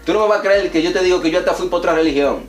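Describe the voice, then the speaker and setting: Man, evangelist guest, higher voice, earnest preachy storytelling; echoey room. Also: very fast, soft background music. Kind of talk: testimony in casual conversation.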